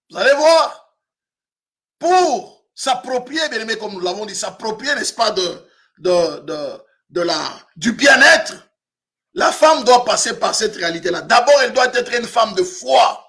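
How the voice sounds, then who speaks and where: Man, pastor in his fifties, from Africa, very high voice, sharp bright tone, shouted sermon. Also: expressive, a little slow. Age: 50s. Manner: preaching with frequent shouted emphasis.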